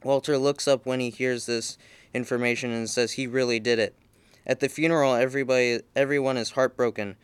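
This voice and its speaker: A man reading a story aloud in an amateur way, with halting restarts and slips. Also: medium pitch, fairly even intonation, smooth, no room sound. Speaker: reader.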